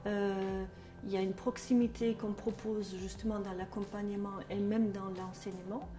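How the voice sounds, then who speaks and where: A middle-aged German woman, a trainer at a social work school, gives a testimonial interview in German-accented speech, hesitant and full of fillers and restarts. Her medium-pitched voice is flat and at normal speed, recorded in an echoey room with music in the background.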